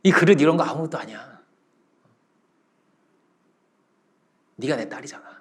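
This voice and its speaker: A forgiving old house master, put on by a preacher, speaks in a hushed, low, unhurried voice. His pitch moves freely, carrying warmth into every reassuring line. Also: animated, breathy edge. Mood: tender. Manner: soft, low and slow. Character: kind elderly master of a house, gentle and forgiving.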